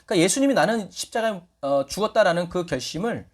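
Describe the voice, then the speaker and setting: Lively Korean pastor preaching. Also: male voice, high-pitched, quick pace. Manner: lively, asks the congregation questions and acts out quotes. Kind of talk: sermon.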